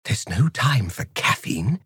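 A woman's voice: very deep voice, sing-song, slow, fairly bright tone, slightly rough, no room sound, clean studio sound, heavily acted. A man voicing a cold, cruel female assistant principal who speaks in an icy, whispery, clipped manner. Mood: icy menace. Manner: clipped, menacing.

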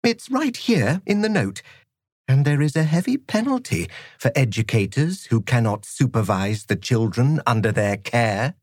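A woman's voice: extremely low pitch, sing-song, moderate pace, a little mellow, breathy edge, no echo, studio quality, voice pushed up, full character voice. A man voicing a cold, cruel female assistant principal who speaks in an icy, whispery, clipped manner. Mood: icy menace. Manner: clipped, menacing.

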